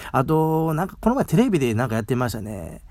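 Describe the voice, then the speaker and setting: A man from Mie hosting a casual solo talk show outdoors, chatting in a rambling way and tagging his sentences with a soft "ne". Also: medium pitch, big pitch swings, quick pace, no room sound. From Mie, Japan. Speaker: podcast host.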